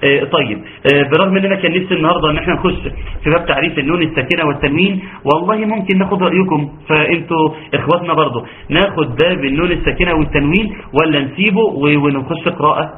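A man with an Egyptian accent teaching Quran recitation in an online class, breaking into chanted examples between quick explanations. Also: a little high, slight background noise. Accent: Egyptian Arabic. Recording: tinny phone-like online audio.

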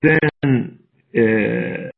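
Egyptian male preacher, earnest exhorting delivery, husky and strained, lo-fi phone-line quality. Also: medium pitch, very slow. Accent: Egyptian Arabic. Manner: mixes formal Arabic with colloquial, earnest and exhorting. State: straining to raise a weak voice. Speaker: preacher answering questions. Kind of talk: religious lesson with Q&A. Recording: tinny phone-like audio.

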